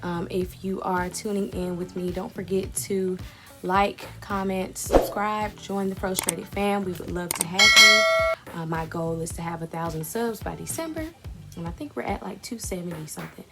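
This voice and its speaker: A woman's voice: on the low side, normal speed, over music. A woman vlogger chatting casually and a little self-consciously as she eats between sentences. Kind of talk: casual chat while eating.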